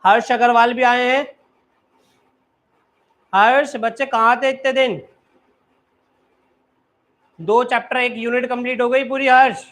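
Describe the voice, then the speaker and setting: A man's voice: very high-pitched, steady tone, measured pace, pauses often, a bit bright. A man teaching a live online maths class, often checking that his students follow and urging them to keep studying.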